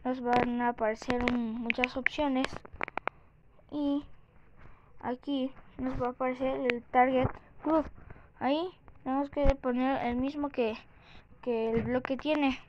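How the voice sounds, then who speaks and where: High, slow, halting youthful woman, noisy recording. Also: steady tone. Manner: halting, thinking aloud. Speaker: tutorial host. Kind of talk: casual step-by-step game tutorial. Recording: muffled lo-fi mic with clicks and noise.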